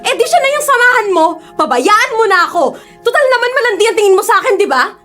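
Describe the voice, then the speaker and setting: A woman's voice: very high-pitched, very animated, quick pace, a bit bright, soft background music, exaggerated voice. A woman voicing an emotional, tearful young student who is a younger sister, in an audio drama. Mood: furious. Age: young adult. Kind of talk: Tagalog audio drama acting.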